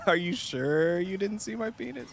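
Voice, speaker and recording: A man's voice: high voice, lively intonation, a little slow, creaky, slight background noise. A young man streaming a game, chatting casually in a jokey, profane, rambling way and slipping into mocking voices. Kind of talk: casual gameplay streaming chat.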